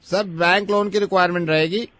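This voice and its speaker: A man's voice: high voice, steady tone, a little fast, a bit bright, no room sound. A man hosting a radio prank call, playing innocent while he needles the person on the line. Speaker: radio host making prank calls.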